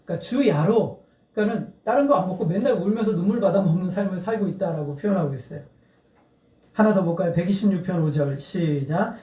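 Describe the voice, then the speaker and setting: A male pastor with a high-sitting, dark-toned voice talks fast with lively intonation. His earnest sermon in the church sanctuary swells into emphatic appeals, punctuated by laughter. Recorded from a distance, the hall sounds echoey.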